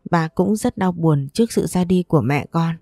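Lady reading a family story out loud, low mellow voice, dry close sound, soft music under it. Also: normal speed, no room sound. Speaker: narrator. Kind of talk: storytelling narration with acted dialogue.

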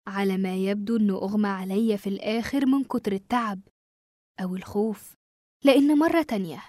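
A woman with an Egyptian accent narrating a first-person horror story in a hushed, suspenseful way. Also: medium pitch, no room sound, studio quality. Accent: Egyptian Arabic.

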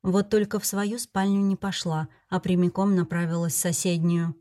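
A woman narrating a first-person fantasy audiobook in an expressive, emotional way. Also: on the low side, moderate pace.

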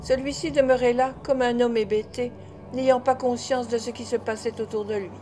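A woman's voice: a little high, steady tone, normal speed, mellow, faint music behind. Woman reading a story aloud. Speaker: audiobook reader. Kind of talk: scripted narration.

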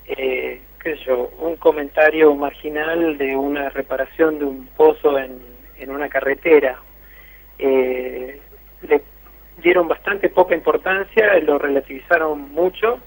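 This Argentine-accented man speaks fairly high and fairly evenly, a little on the slow side. Reporting by phone for a radio interview on a tinny line, he hesitates, restarts often, and leans on fillers.

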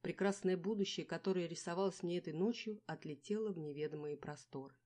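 A woman reading a first-person audiobook in a wry, measured storytelling manner. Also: lowish voice, dark tone. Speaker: audiobook narrator. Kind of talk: scripted first-person narration.

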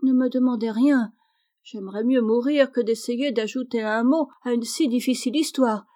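A woman's voice: on the high side, moderate pace, warm tone, lightly acted. A woman doing a timid pleading little girl.

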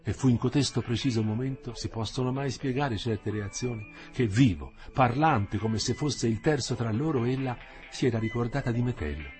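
A man reading a literary novel aloud with an expressive, varied delivery. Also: mid-range voice, moderate pace, few pauses, faint music behind. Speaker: reader.

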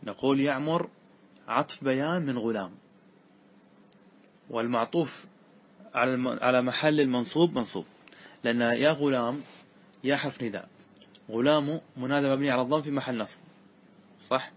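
A man's voice: medium pitch, brisk, long pauses, husky. A man teaching a classical grammar lesson as sheikh, who keeps asking his class questions, answers them himself and patiently repeats each rule.

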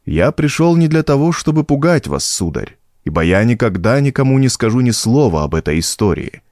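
Storybook: gentle, firm old priest played by a male reader, solemn, preachy. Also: medium pitch, fairly quick, no room sound, clean studio sound, lightly acted. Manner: calm, preaching tone.

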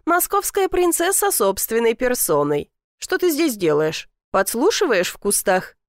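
A woman's voice: on the high side, very animated, measured pace, no echo, studio quality. A woman voicing teasing eighteen-year-old twin brothers, mocking and smug.

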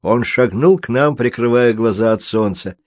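A man reading a storybook aloud in an even, measured way. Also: medium pitch, no room sound, clean studio sound. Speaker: audiobook narrator. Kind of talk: scripted storybook narration.

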